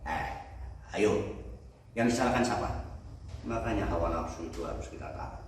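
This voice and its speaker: Brief: older male pastor, lively storytelling sermon, low voice, distant and echoey church hall. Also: normal speed, slight background noise. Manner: animated, humorous storytelling.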